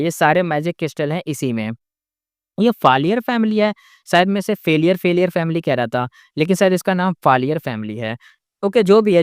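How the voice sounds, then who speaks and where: Man, casual novel retelling, chatty asides, self-corrections, smooth voice, dry close sound. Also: a little high, no echo. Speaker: novel explainer.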